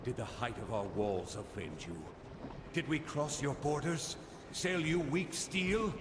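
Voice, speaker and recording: An actor playing a grave, aggrieved old ghost in a video game, with a tired old voice and a solemn, reproachful manner. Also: male voice, medium pitch, unhurried, close to an everyday voice. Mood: indignant, stern. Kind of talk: dramatic video game acting. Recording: echoing cavernous reverb, clear background noise.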